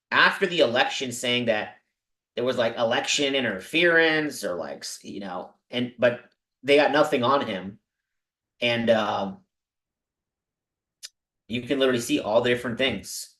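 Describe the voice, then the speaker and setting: A man hosting a livestream, talking casually and excitably to his viewers with lots of asides. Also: mid-range voice, roomy sound, low-quality recording. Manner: excitable, talks to viewers directly with many asides. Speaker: crypto livestream host. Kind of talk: casual livestream talk about investing.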